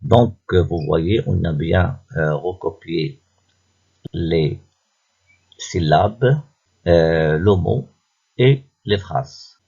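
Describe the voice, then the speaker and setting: A man with a deep, gravelly, husky voice talks through a primary school phonics lesson at a very slow pace. He patiently goes over each answer one step at a time. The recording sounds dull and lo-fi. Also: warm tone.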